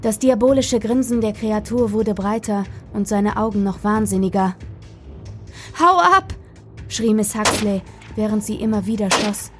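A woman narrating a first-person horror story in a tense, dramatic reading. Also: mid-range voice.

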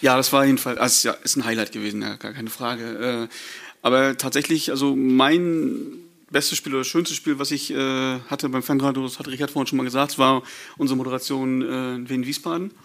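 A man, a fan radio commentator, reminiscing casually in a hesitant, halting way. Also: mid-range voice, level tone, gravelly, fairly bright tone.

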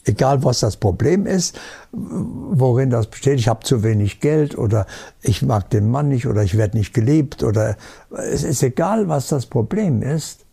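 A man giving a spiritual teaching talk, calm and certain, stressing his points with emphasis and rhetorical questions. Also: medium pitch, normal speed, creaky, husky.

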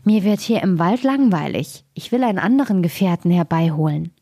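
A sly fairy-tale fiddler giving brisk commands, put on by the woman reading in a voice only a little lifted from her own, lowish and plain. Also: animated, dark tone. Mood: musing. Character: cunning male fiddler, commanding.

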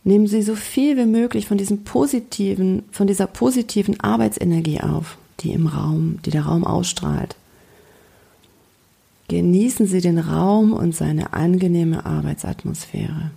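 A woman coach leading a guided relaxation in a slow, soothing, gentle way. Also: on the low side, gravelly, husky. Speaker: coach and podcast host.

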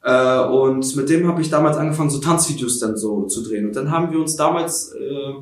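Talking a little fast in a mid-range voice, this young man from Ukraine, an eighteen-year-old social media creator, responds to interview questions in a casual, hesitant way with many fillers and restarts. The recording sounds reverberant.

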